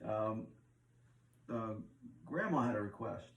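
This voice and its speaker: A man's voice: on the low side, animated, slow, creaky, a bit bright. A middle-aged man hosting a casual chat, laughing often and talking loosely with many fillers. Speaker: host. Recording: roomy room, distant mic.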